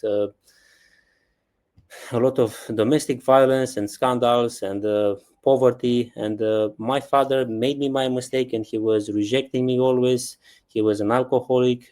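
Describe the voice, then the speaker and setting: A man's voice: medium pitch, dark tone. A man in his thirties from Romania, speaking English as a second language as he hosts a self-help webinar. He talks earnestly and keeps repeating himself, often adding "yeah". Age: 30s. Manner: earnest, repetitive, with frequent "yeah" tags. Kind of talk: presenting a webinar. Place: Bali.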